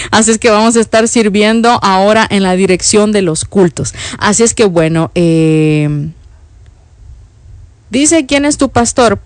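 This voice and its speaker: A Salvadoran woman in her fifties, a church worship leader, chats affectionately on a live stream, reading viewers' comments aloud and laughing often. She speaks Salvadoran Spanish in a mid-range voice at a measured pace, recorded dry.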